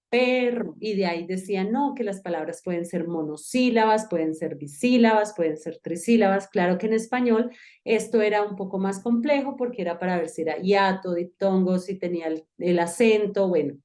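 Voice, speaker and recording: A young woman teaches a recorded lesson, walking the student through each rule one step at a time. Her voice is mellow and warm, at an ordinary pitch for a woman. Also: moderate pace. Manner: patient, explains step by step, addresses the student directly. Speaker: English teacher.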